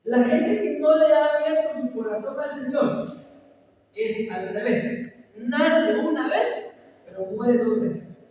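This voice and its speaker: Male pastor, very high voice, preaching from far off in a roomy church hall, dull lo-fi sound. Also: slow pace, a little mellow. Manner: calls for amens, preaching with rising emphasis. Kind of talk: sermon.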